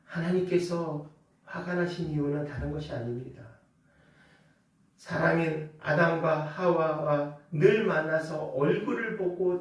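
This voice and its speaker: A man in the pulpit delivers a Sunday sermon, pressing his congregation with rhetorical questions and then easing back into calm teaching. His voice sits a little high for a man. The sound comes from some distance in a hall that rings with heavy echo. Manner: preaching with rhetorical questions and swelling emphasis. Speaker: pastor. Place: church sanctuary. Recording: very echoey church hall, mic at a distance.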